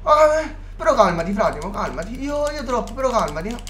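A man chatting over an online game, excitable and switching between soft talk and shouting. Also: very high-pitched, brisk, heavy background noise. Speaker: gamer and video host.

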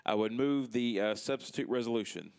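Councilman rattling off a committee report fast, clean dry sound. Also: mid-range voice, darkish tone, dry recording. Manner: quick, matter-of-fact, plain explanations. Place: council chamber floor.

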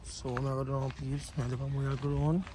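A man's voice: medium pitch, little pitch movement, normal speed. Rambling Jamaican man vlogging on the street. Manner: rambling, talks to viewers directly. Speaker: family vlogger. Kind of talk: casual vlog chat. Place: outdoors on a street. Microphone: phone held low at arm's length. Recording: loud street noise with traffic. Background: traffic and street ambience.

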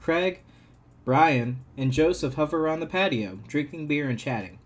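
A man hosting a gameplay video, reading a dating-sim script aloud with lively, chuckling reads of the lines. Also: fairly high pitch, normal speed. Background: game music.

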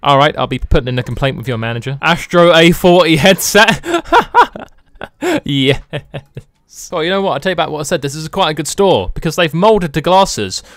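A young British man joking his way through a let's play, with goofy asides and sudden loud outbursts. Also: fairly high pitch, very animated, normal speed, no room sound, clean studio sound. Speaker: gaming YouTuber.

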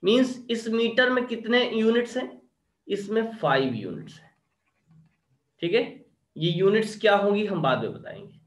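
A male teacher giving a classroom lecture at the board, drilling terms and checking understanding, often asking whether it is clear. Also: high voice, lively intonation, moderate pace, echoey room.

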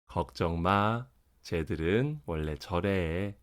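Man voicing a slow, low, carefully enunciating storybook mother. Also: expressive. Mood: calm, reassuring. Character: calm, reassuring animal mother, unbothered and patient.

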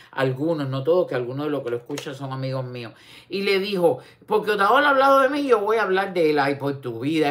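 An older woman with a Cuban accent hosting an online show, chatting casually, teasing and talking straight to the viewer. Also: lowish voice. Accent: Cuban Spanish. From Cuba. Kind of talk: casual commentary chat.

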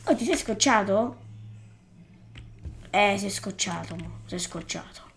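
A woman's voice: medium pitch, takes it slowly, creaky, a bit bright, slight background noise. A woman doing playful Let's Play commentary, exclaiming at the game and scolding the creatures in it. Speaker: gaming YouTuber.

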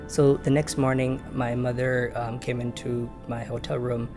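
A young man, born in Kenya and raised in Minnesota, gives an earnest, measured documentary interview about his own life. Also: medium pitch, level tone. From born in Kenya, raised in Minnesota, United States. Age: young adult. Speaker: interviewee telling his personal story. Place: indoor room with a lamp, seated. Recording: clear music bed underneath.

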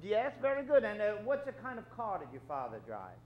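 Slight background noise accompanies a middle-aged man's high, wildly swooping voice, moving a little fast. He hosts an improvised radio show live from a theater stage with courteous, theatrical, hesitant showman patter in an old-time announcer style; the recording is dull and lo-fi.

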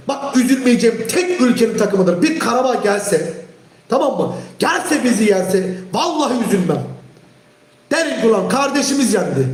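A man hosting a live stream, ranting heatedly at his chat and often shouting. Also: high voice, echoey room. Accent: Turkish. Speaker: livestream host. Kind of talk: angry live-stream rant.

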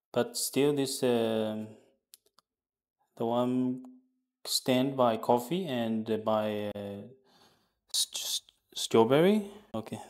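A man talking through a hands-on laundry test at a lab bench, unscripted, with many pauses, fillers and restarts. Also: mid-range voice, a little mellow. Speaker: product demonstrator.

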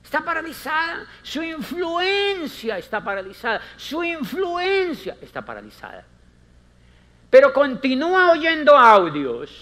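A man speaks to a conference crowd in a high, very lively voice that leaps up and down. He is theatrical and emphatic, drumming phrases again and again and slipping into little acted scenes. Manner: theatrical, acts out characters with big pitch swings; repetitive, emphatic. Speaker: motivational speaker. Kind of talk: conference talk.

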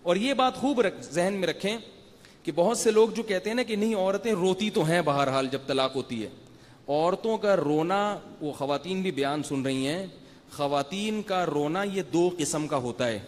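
A man's voice: high voice, big-room sound. A man giving a religious lecture to a live audience, talking conversationally, asking the listeners rhetorical questions and telling anecdotes. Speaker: Islamic scholar giving a Ramadan night lecture.

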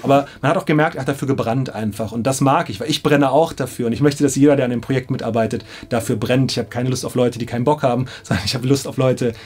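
With fairly even intonation and hardly any pauses, a man in his thirties talks fast in a mid-range voice that's a little mellow and slightly rough. The audiobook director explains casually and enthusiastically to camera, using slang, in a small indoor studio control room with background music.

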